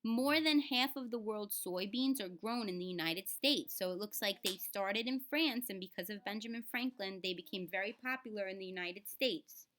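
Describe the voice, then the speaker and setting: A woman reads a children's book aloud at a moderate pace with few pauses, her medium-pitched voice fairly bright. She addresses the children directly in a teaching manner, giving simple explanations and sounding out words.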